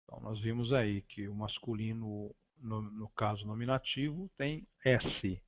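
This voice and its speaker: A man teaching a grammar lesson, reading slowly and deliberately from slides with frequent hesitations. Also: fairly low pitch, fairly even intonation. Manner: slow, deliberate, spelling out words with frequent hesitations. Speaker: Greek teacher. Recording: dull lo-fi recording.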